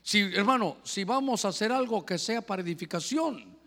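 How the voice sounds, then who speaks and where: High bright-voiced man preaching in a hall. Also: expressive, normal speed. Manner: addresses listeners as brother, asks questions; swings between loud emphasis and quiet asides. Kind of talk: sermon. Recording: long reverb of a hall.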